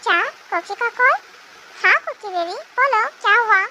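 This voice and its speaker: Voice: very high-pitched, normal speed. A fan dubber voicing a patient young husband and father who sounds soothing, indulgent and mildly exasperated. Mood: fond. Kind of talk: amateur fan dub. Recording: noisy home recording.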